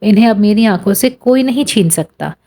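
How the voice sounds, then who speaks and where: A woman's voice: medium pitch, expressive, fairly quick, warm tone. A woman voicing an eager, earnest young man who pleads impatiently to be allowed to marry the girl he loves, in an audiobook reading. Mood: earnest pleading.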